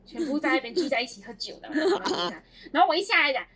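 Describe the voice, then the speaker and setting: A young woman tells childhood stories in a casual chat. Her high voice swings widely, and she laughs often as she goes. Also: fast, a crowd in the background. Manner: animated, laughs often while telling stories. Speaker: podcast co-host.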